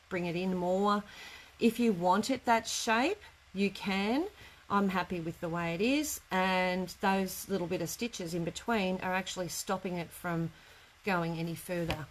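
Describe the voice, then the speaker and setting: A woman's voice: mid-range voice, low-quality recording. A middle-aged woman chats informally and a bit ramblingly as she teaches a live craft class. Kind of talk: casual live tutorial chat. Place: indoor craft studio workroom. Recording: noticeable room background noise.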